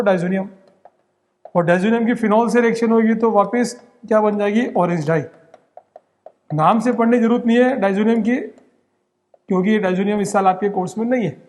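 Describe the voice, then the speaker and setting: A young man with a high voice, runs through exam-prep chemistry rapidly and keeps checking in with his students. His voice carries a long reverb, as if lecturing in a large hall. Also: a little mellow. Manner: rapid, drilling, repeats "ठीक" and "बहुत simple". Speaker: chemistry teacher.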